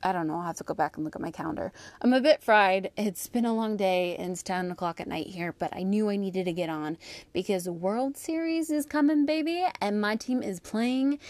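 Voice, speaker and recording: A woman's voice: mid-range voice, darkish tone, no room sound. An American woman hosting a personal audio diary podcast, talking casually and candidly in an informal, chatty monologue with frequent asides.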